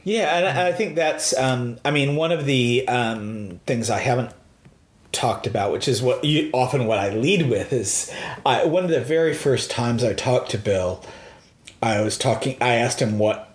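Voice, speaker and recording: A man's voice: medium pitch, moderate pace. American guy chatting loosely, lots of ums and likes, echoey room sound. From United States. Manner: rambling, hesitant, lots of "um" and "like". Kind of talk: casual chat. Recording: roomy echo.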